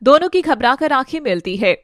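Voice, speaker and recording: A woman's voice: sits high, expressive, brisk, no echo, clean studio sound. A woman narrating a dramatic family story expressively.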